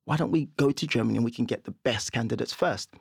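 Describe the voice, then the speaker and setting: Fast gravelly man. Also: mid-range voice, dry recording, clean studio sound. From London, England. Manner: lively, laughs often while telling stories. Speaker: guest, property investor. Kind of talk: casual storytelling in a podcast interview.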